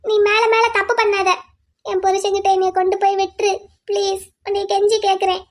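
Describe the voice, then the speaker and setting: A woman voicing a defiant young wife held captive in a cartoon drama, who calmly pleads and reasons with her captor. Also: very high-pitched, a little fast. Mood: pleading. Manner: calm, pleading then lecturing at length.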